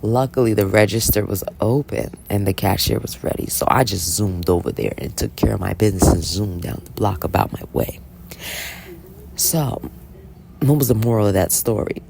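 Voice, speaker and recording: A woman's voice: a bass voice, normal speed, vocal fry, slight background noise. A woman casually telling a story as a vlogger, chatty and blunt, often checking in with "right?". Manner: chatty, animated, constantly asks "right?"; blunt and unapologetic. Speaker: Bible reading vlogger.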